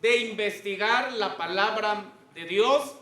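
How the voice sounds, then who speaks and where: A man's voice: sits high, slow, pushed and bright, echoey room. A man preaching a sermon to a congregation, often stopping to ask them questions.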